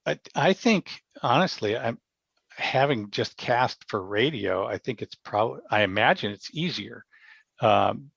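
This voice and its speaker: A radio theatre director appears as a podcast guest, explaining his approach conversationally and circling back to rephrase his points. His mid-pitched voice has a gravelly edge. The sound is dry, slightly dull yet a bit bright, with no room sound.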